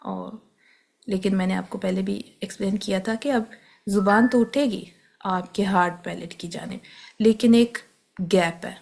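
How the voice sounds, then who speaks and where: Woman, tajweed teacher, patient step-by-step lesson, slow drawn-out sound demos, Pakistani Urdu accent. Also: mid-range voice, fairly even intonation, gravelly, darkish tone. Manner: demonstrates sounds slowly, repeating each several times; patient, step-by-step instruction mixing in English terms. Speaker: Quran recitation teacher. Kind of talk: tajweed lesson explaining letter articulation.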